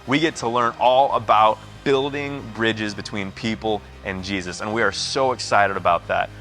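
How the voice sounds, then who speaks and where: A man's voice: on the low side, fairly even intonation, normal speed, fairly bright tone, soft background music. A man giving upbeat, welcoming church announcements. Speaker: church host.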